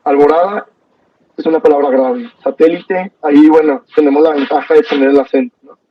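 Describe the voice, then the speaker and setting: A young man teaching an online poetry class, relaxed and hesitant, with many fillers and restarts. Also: fairly high pitch, fairly quick, no echo, far from the mic. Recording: dull, dry sound from off mic.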